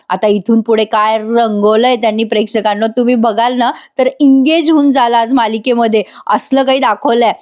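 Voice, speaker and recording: A woman's voice: on the high side, darkish tone. A woman giving a chatty voice-over recap of a TV serial, talking straight to her viewers and laughing often. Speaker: TV serial reviewer.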